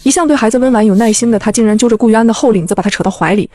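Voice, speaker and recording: Quick, bright-toned woman telling a comic story. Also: fairly high pitch. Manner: lively, playful storytelling with many voiced characters. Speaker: audiobook narrator. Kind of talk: scripted comedic web-novel narration.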